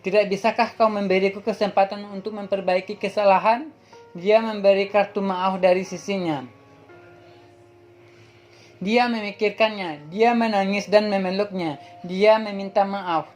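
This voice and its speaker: A woman reading an episode synopsis aloud in a plain, steady way, now and then stumbling over a word. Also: medium pitch. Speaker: channel host summarizing a TV serial.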